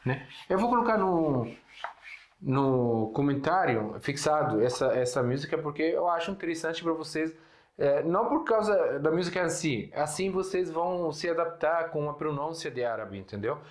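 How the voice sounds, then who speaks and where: A man's voice: a little high, animated, moderate pace. Man teaching in a roomy echo. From Syria. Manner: patient, repeats words and checks in with "né?". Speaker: Arabic teacher. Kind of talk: casual language lesson.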